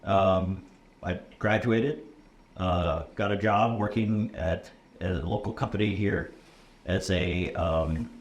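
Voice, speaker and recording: A low-voiced American man from the USA, a native English speaker who teaches computer science, takes it slowly with fairly even intonation in a relaxed conversational interview. His manner is casual, with many ums and uhs and checks with "okay?". The recording sounds roomy, with echo and faint room noise.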